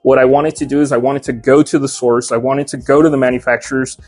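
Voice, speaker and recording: This young Mexican hat shop owner and hat maker has a medium-pitched, steady, slightly mellow voice and talks fast. In a casual interview with faint music behind him, he breaks down his craft step by step, saying "uh" often.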